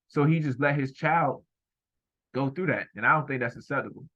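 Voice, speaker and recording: A man's voice: medium pitch, a little fast, a bit bright, highs cut off. A man giving heated, repetitive running commentary over a video, speaking emphatically and accusingly.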